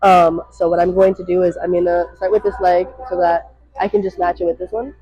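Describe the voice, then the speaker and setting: A woman's voice: fairly low pitch, flat delivery, brisk, warm tone, husky, dry recording. A woman giving casual, chatty exercise instruction as a fitness vlogger, rambling and self-deprecating while exerting herself. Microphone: worn microphone. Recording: dull, slightly muffled audio.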